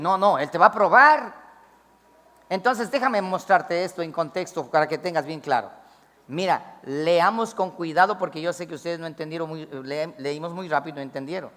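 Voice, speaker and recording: A man preaching a sermon as pastor, emphatic, swinging between loud calls to the congregation and low asides. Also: in a large hall. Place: church.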